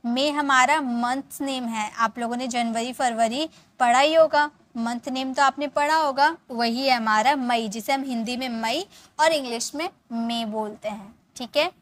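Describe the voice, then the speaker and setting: A woman teaches an English lesson with a high voice. She spells each word, repeats it slowly and keeps checking that her students follow.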